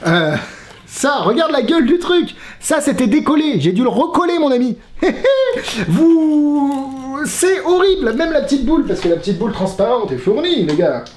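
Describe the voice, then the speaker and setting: Man, magic trick reviewer, exasperated, animated, swings up and down in pitch, roomy echo. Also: a little fast, slight background noise. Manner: exasperated, animated, swearing, laughing. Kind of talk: casual spoken review.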